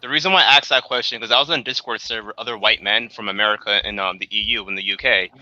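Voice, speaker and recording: A man talks fast and pushes his questions in a casual group chat, insisting on being heard. His voice is very bright and sharp, close and dry, and it comes through dull, muffled call audio. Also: lowish voice, no echo.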